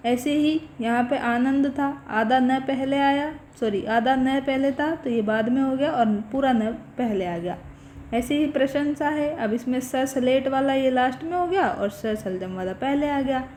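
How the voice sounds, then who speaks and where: A woman's voice: sits high, unhurried, a little mellow, a little hiss or hum. A woman teaching an exam revision lesson, explaining each point step by step and often checking in with her students. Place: online class recording.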